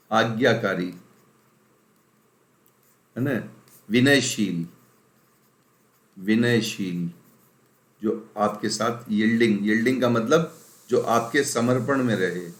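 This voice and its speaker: Emphatic male teacher drilling vocabulary. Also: mid-range voice. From India. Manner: emphatic, drills words by repeating them; mixes in English phrases. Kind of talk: exam-prep vocabulary lesson. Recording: roomy echo.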